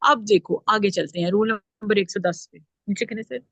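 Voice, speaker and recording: A woman's voice: medium pitch, normal speed, fairly bright tone, slightly rough, no echo. Woman teaching grammar, dry close sound. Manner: explains patiently, checks in with "theek hai" often. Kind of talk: classroom grammar lecture.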